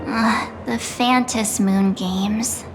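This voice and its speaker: A woman with a fairly high-pitched voice speaks very slowly and wistfully, voicing a cheerful, excitable young girl adventurer in a video game. The character is bubbly and self-deprecating, and game music plays behind her.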